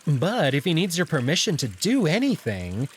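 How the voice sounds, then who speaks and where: A man voices a sly jackal noble in a visual novel, speaking at normal speed, slightly high and very animated. Smooth-talking and mock-polite, he taunts and needles over faint background noise and trickling water.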